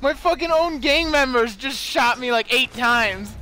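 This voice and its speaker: A man's voice: very high-pitched, unhurried, pushed and bright, slight background noise. A man giving casual gameplay commentary from home, swearing often and sounding incredulous.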